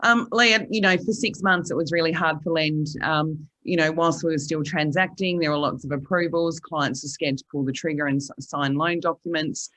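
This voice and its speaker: A woman's voice: low-pitched, fairly even intonation, normal speed, few pauses, fairly bright tone, poor audio. A woman with an Australian accent answering panel questions, enthusiastic and full of fillers. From Queensland. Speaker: panelist, finance platform representative.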